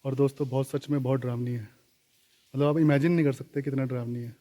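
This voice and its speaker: A man's voice: mid-range voice, fairly even intonation, quick pace, warm tone. Echoing man vlogging in a cave. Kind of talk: vlog narration to viewers while exploring a cave. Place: inside a large dark rock cave. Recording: echoing cave with long reverb.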